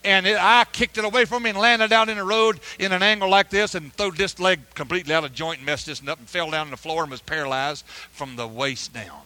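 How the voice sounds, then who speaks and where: A man preaching a folksy testimony sermon, rambling and colloquial, with sudden loud outbursts. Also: high voice, a little fast.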